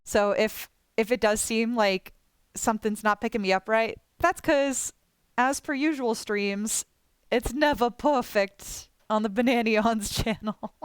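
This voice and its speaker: Slightly high and measured, her clean-toned voice comes through a dry recording. She's a streamer drawing viewers' requests, chatting and rambling casually with frequent laughter and offhand swearing.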